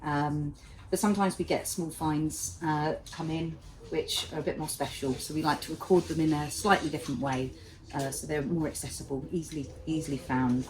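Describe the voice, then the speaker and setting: Woman, low voice, finds manager, practical explainer, noisy outdoor recording. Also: normal speed. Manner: steady and practical, with some fillers. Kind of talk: explaining her work to camera. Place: outdoor excavation site.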